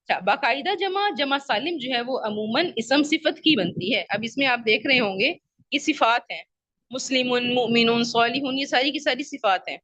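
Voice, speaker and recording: High, lively woman teaching a lesson. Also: dry recording, muffled recording. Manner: patient, repeats questions and checks understanding. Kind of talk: online Arabic grammar lesson.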